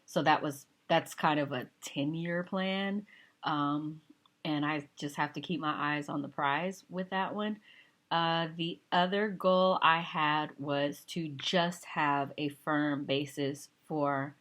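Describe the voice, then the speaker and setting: A woman's voice: deep voice, fairly even intonation, slow pace, a bit bright. A woman in her thirties, an opera singer talking casually to camera in a self-mocking way. She laughs often and drops into whispered asides.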